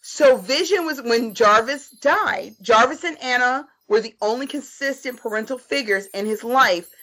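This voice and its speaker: A woman's voice: a little high, moderate pace, fairly bright tone, poor audio. A woman talking casually about film and TV on a video call, emphatic and repeating herself for stress. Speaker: podcast panelist. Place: indoors at home on a video call.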